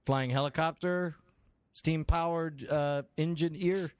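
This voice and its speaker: A man's voice: fairly high pitch, steady tone, takes it slowly, clean tone, no room sound. A man co-hosting a comedy podcast, rambling goofily while playing detective and laughing often. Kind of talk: improvised comedy banter.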